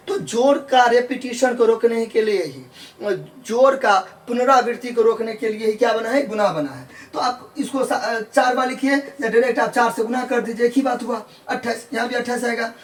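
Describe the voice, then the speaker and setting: A man's voice: extremely high pitch, normal speed, distant mic, slight background noise. A man working through a decimal addition problem as a maths teacher, patiently repeating each step and checking that students follow. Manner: repetitive, patient, asks "clear?" often. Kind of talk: explaining sums step by step.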